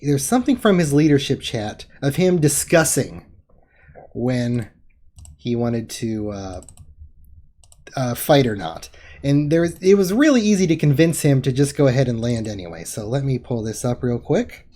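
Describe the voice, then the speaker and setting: A woman's voice: rumbling low, lively intonation, moderate pace, mellow. A woman hosting a casual livestream, reading chat with wry remarks and casual swearing. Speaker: host.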